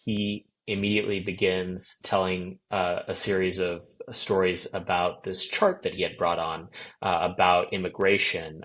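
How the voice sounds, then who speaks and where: A man giving an eyewitness account in an interview, speaking in a measured, reflective and articulate way. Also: low voice, a bit bright. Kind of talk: recounting events in an interview.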